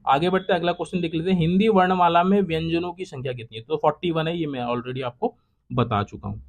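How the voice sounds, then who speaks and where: Young male exam tutor, slightly high voice, repetitive question-by-question delivery that drops off low. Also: quick pace. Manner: repetitive, drops to a low trailing voice at each close. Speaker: exam prep teacher. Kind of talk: solving quiz questions aloud.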